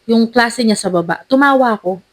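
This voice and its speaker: A woman co-hosting a podcast, telling a story in a lively, animated way. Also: fairly high pitch, brisk. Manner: animated, lively storyteller who acts out quotes. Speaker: podcast co-host. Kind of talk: casual storytelling chat.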